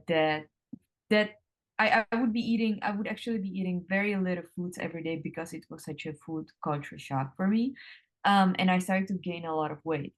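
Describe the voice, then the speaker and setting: A woman in her thirties from the Republic, a guest answering interview questions in an unhurried way with frequent ums and drawn-out words. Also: fairly low pitch. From Czech Republic. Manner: hesitant, many ums, slowing and drawn out.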